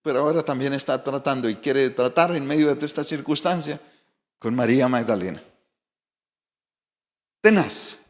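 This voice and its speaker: A man's voice: medium pitch, normal speed, long pauses, big-room sound. A male pastor preaching a sermon, building emphatic declarations and asking the congregation rhetorical questions. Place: church sanctuary.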